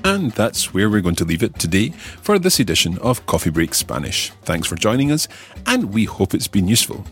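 Over soft background music, a man with a lowish voice speaks at normal speed as the teacher and host of a language lesson podcast. His grammar explanations are patient and encouraging, with lively intonation.

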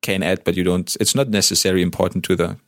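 Brief: male teacher, low voice, plain grammar explanations, dry close sound. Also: fairly even intonation, quick pace, dry recording. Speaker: language teacher. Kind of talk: casual lesson talk.

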